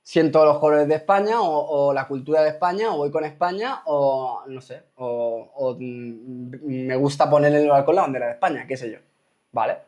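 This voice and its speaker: A man's voice: on the high side, moderate pace, a little mellow, highs cut off. Man in a rhetorical spoken talk. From Spain. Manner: rhetorical, keeps asking "¿me explico?". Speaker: host. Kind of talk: casual spoken talk to viewers.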